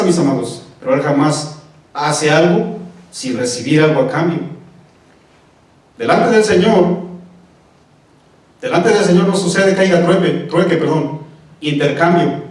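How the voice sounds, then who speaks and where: A man delivers a sermon as pastor in a church, his voice sitting a bit high. He preaches conversationally, joking and tossing asides to the congregation. The sound is heavily echoey and captured from some distance. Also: darkish tone.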